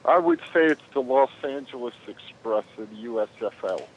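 A man in his sixties calling in on a car speakerphone while driving, polite and affectionate, with halting restarts. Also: mid-range voice, huge pitch swings, creaky, dull audio, a little hiss or hum. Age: 60s. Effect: car speakerphone call while driving. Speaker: radio show caller. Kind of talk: casual call-in chat.

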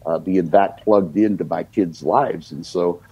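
An older American man, a singer-songwriter guest, reflects on his story at an unhurried pace, his low, husky voice dotted with "you know." There's no echo, though the audio sounds dull.

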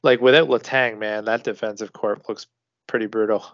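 A man's voice: fairly low pitch, steady tone, normal speed, a bit bright, dry recording. A man co-hosting a casual sports podcast, talking loosely with swearing and restarts. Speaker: podcast co-host. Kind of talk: casual hockey podcast chat. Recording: dull lo-fi dry sound.

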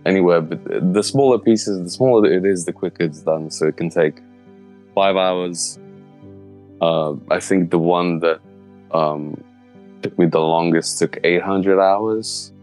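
A man, answering interview questions in a thoughtful, halting way. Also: deep voice, a little mellow, faint music behind, rough recording. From Slovenia. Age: 30s. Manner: thoughtful, halting, searching for words. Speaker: interviewee, illustrator.

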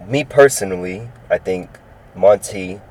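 His voice sits low and a little mellow, moving at a slow pace on poor audio. A Californian man in his twenties, he runs a casual sports podcast on his own, upbeat and rambling, with plenty of repetition.

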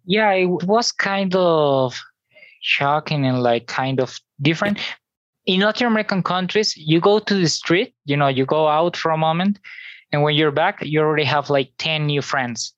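A guest from Venezuela speaks English with a Venezuelan Spanish accent, easygoing and halting. The voice sits mid-range and the audio is dry and a touch dull, like lo-fi sound. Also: mid-range voice, dry recording. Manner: easygoing, talks in loose halting phrases. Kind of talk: casual interview chat.

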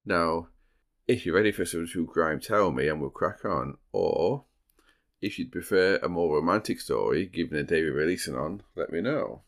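A man's voice: low-pitched, animated, normal speed. A man hosting a true crime podcast, moving between casual banter and storytelling, with a dry, teasing humour. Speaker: podcast host.

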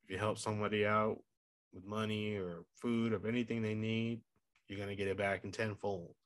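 Speaking at normal speed in a level tone, a man with a voice on the low side hosts his podcast by himself, with studio-quality audio and no room sound. He wanders playfully through show plugs and motivational life tips, casual and self-promoting throughout.

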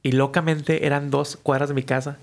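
A man, a musician guest casually telling stories in an animated, slangy way and acting out the people he quotes. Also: on the high side, moderate pace, vocal fry. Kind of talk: casual storytelling.

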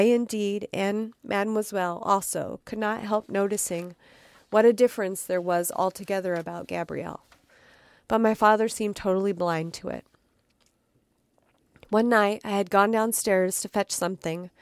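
A woman's voice: medium pitch, gravelly, smooth, no room sound, clean studio sound. A woman podcast host reading a true story aloud, dramatic, with occasional stumbles and asides.

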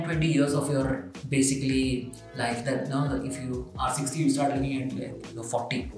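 A man telling a travel story in a casual monologue, enthusiastic and emphatic, with lots of fillers. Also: fairly high pitch. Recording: very echoey room.

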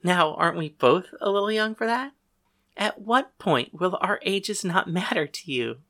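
Storybook: tender teenage girl, put on by a male reader, soft and soothing, bright tone. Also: sits high, expressive, unhurried, pitched above the performer's own voice, exaggerated voice. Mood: playful. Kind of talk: audiobook reading.

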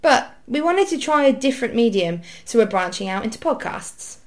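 A woman's voice: a little high, very animated, normal speed. A woman co-hosting a casual history podcast, talking hesitantly with many ums and restarts. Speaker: podcast co-host.

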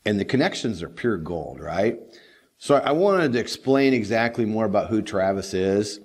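A man's voice: lowish voice, big pitch swings, normal speed. A middle-aged man hosting a daily helicopter training video, rambling in a folksy casual way with lots of "you know". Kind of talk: casual talking-head monologue.

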